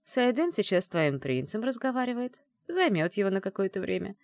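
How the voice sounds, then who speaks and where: A woman reading the part of a caring, shrewd middle-aged witch mother in an audiobook, in a gentle, teasing way. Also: mid-range voice, sing-song, a little fast, no room sound, voice pushed up. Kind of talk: audiobook character voice.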